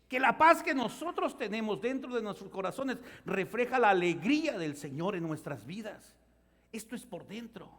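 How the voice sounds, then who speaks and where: A man pastor preaching a sermon, telling stories and acting out the voices, building to loud outbursts. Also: high voice. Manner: storytelling preacher, acts out voices, rises to shouts. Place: church sanctuary. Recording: church hall reverb.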